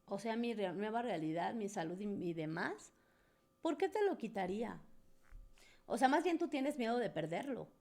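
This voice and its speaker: Warm earnest woman. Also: medium pitch, lively intonation, moderate pace. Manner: earnest, conversational, coaxing. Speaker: spiritual coach. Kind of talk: live Q&A talk to a group.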